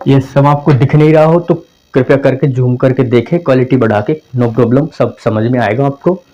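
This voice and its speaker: Medium-pitched and dark in tone, the male teacher speaks at a normal speed. He explains exam material conversationally, restating points and acting out phrasings so their meaning comes across. The audio is a dull, lo-fi home recording.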